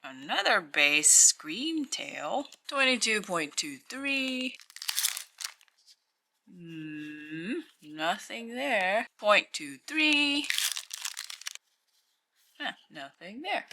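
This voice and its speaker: Musing slowly, she reads out weights and numbers while opening card packs indoors at a tabletop, giving casual hands-only unboxing commentary to herself as a channel host. The croaky morning voice is mid-range and sing-song, and the background is noisy.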